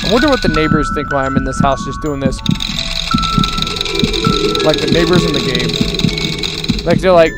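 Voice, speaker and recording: A man's voice: on the high side, expressive, normal speed, pauses often. A young man streaming a horror game, reacting in a scared, joking way, jumpy, pleading and rambling crudely. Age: young adult. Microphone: headset. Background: loud game music.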